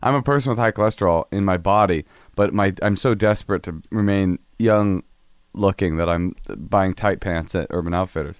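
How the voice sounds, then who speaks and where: A man in his thirties talking as a podcast guest, rambling and poking fun at himself. His voice sits a little low. The recording is dry and close. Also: normal speed, no room sound. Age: 30s. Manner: self-mocking, rambling with fillers. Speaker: guest comedian. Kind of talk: casual chat. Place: garage studio.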